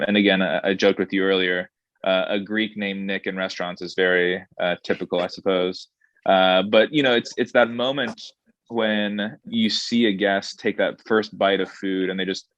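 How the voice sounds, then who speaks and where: A restaurant director answering interview questions in a thoughtful, measured way, pausing with ums and restarting his phrases. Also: low voice, fairly bright tone, dry recording, muffled recording. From born in Saudi Arabia, grew up in Indonesia.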